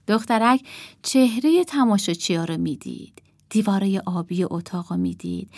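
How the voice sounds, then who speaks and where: A woman narrating a storybook aloud, expressive and dramatic, sometimes dropping to a whisper. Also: mid-range voice, breathy edge, no room sound, clean studio sound. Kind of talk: storybook reading.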